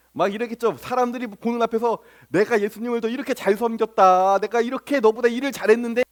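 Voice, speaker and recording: A male pastor preaching a sermon, retelling scripture as a story full of rhetorical questions to the congregation. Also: sits high.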